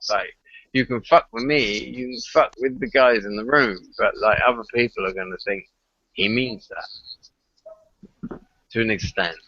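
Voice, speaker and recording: A man's voice: mid-range voice, unhurried, long pauses, bright, forceful tone, no echo. An Irish man hosting a casual online voice chat, talkative and joking, often cutting in over others. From Ireland. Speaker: host. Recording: muffled lo-fi voice chat audio.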